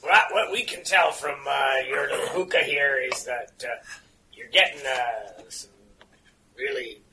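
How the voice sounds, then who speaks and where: A man playing in a tabletop game, talking haltingly with many pauses and fillers. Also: medium pitch. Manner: halting, full of uhs. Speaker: player. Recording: noisy line with clicks.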